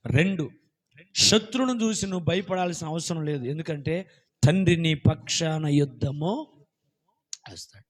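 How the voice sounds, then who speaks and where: A man pastor preaching a sermon in church, swinging from shouted, fervent peaks down to quiet, hushed lows.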